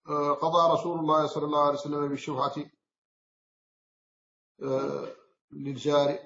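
A man from Mauritania, an Islamic scholar, giving a measured explanatory lecture on a classical text, often pausing and correcting himself. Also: medium pitch, creaky, a bit bright. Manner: measured, explanatory, with frequent self-corrections and hesitations. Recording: roomy, slightly dull recording.

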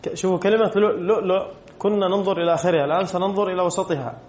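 A man's voice: high voice, steady tone, rapid-fire, a little mellow, echoey room. A male teacher giving a classroom grammar lesson, putting questions to his students and repeating the key rules.

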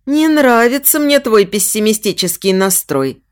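A bossy invisible spirit, a female voice that grumbles and lectures with a dismissive snort in it, as a woman reads her in an audiobook. Her pitch swings widely as she scolds. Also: big pitch swings, moderate pace. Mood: scolding. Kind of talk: audiobook character voice.

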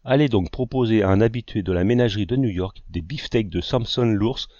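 This is a fussy young artist who loves to argue, as an audiobook narrator puts him on. The low male voice sits dry and close, and the recording has a slightly dull, muffled top. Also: brisk, darkish tone, no echo, close to an everyday voice. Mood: dismayed.

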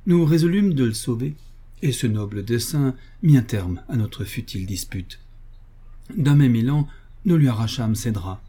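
A man reading a comic novel aloud in a lively, ironic way. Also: medium pitch, moderate pace, slightly rough. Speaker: audiobook reader. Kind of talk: expressive audiobook narration.

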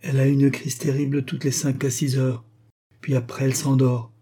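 A man's voice: medium pitch, little pitch movement, moderate pace, dark tone, voice pushed up, lightly acted. A man voicing a kindly, earnest young Orthodox priest.

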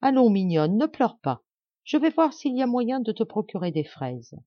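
A woman voicing a cruel stepmother who barks sharp orders and scolds, read from a storybook. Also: fairly high pitch, sing-song, moderate pace, no room sound, highs cut off, pitched above the performer's own voice. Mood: coaxing. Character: cruel harsh stepmother, doting on one daughter.

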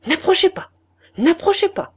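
A woman's voice: mid-range voice, huge pitch swings, unhurried, dark tone. A woman reading an audiobook, voicing a heartbroken young lover who accuses in a raised, trembling voice. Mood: anguished accusing.

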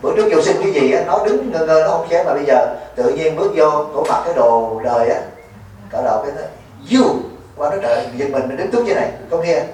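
A man's voice: on the high side, animated, fast, darkish tone. A man, a Buddhist monk giving a folksy dharma talk at a retreat, teasing and quizzing his listeners. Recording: echoey hall, mic far off, faint noise.

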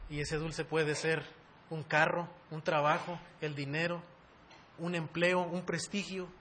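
A man preaching a sermon, who rises to loud, intense emphasis and calls his listeners brothers. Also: little pitch movement, unhurried, slight background noise. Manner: rising to loud, high-pitched emphasis, addresses listeners as brothers.

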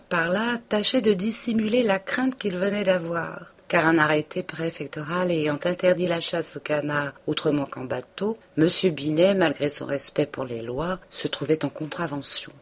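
A woman reading a classic novel aloud as narrator, with measured, steady delivery. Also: deep voice, slightly rough. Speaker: audiobook reader.

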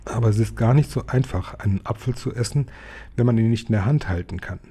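A man reading a children's book aloud in a calm, even storytelling manner. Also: mid-range voice, a little fast, slightly rough. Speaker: storybook reader.

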